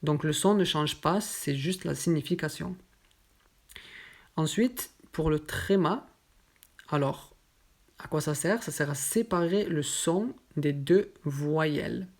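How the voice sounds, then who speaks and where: A woman teaching pronunciation, patiently spelling out sounds and pausing with fillers. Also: sits low, darkish tone. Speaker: French teacher. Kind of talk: pronunciation lesson.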